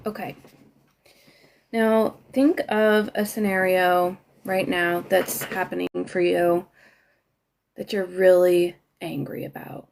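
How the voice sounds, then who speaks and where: A woman coaching listeners through a guided emotional exercise on a live stream, giving slow, instructive directions with soft, breathy asides. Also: on the low side, little pitch movement. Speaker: healing coach.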